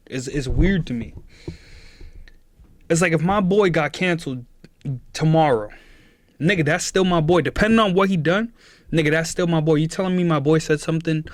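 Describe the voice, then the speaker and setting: A man's voice: on the high side, no room sound. A twenty-year-old man chatting casually on a live stream, giving his chat an earnest, preachy pep talk.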